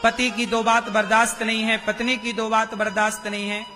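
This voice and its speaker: A man giving a religious discourse, slowly questioning his listeners and acting out quoted speech. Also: sits high, level tone, pushed and bright, soft background music. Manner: slow, questioning the audience, acts out quoted speech. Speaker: preacher.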